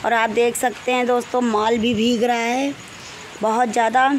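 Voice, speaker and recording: A woman in her forties with a Kanpur Hindi accent vlogs casually from a small room at home, holding her phone close in selfie framing. Her voice is fairly high, hoarse, husky and strained, and she talks on and on at a moderate pace with a flat delivery. She clears her throat often, and faint noise sits in the background.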